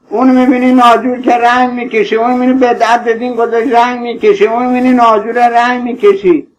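A man's voice: extremely high pitch, rough recording. A man preaching a sermon, impassioned and pleading, tenderly addressing his listeners.

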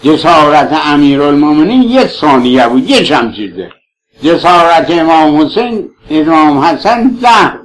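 A man with a notably high voice delivers a fervent, declaiming religious sermon full of rhetorical questions, with lively intonation that swings between loud appeals and quiet passages. The recording is low quality.

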